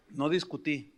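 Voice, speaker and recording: High-voiced pastor telling a story. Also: male voice, bright, forceful tone, slightly rough. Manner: storytelling, acts out quoted dialogue, asks the congregation questions. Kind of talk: sermon with personal story.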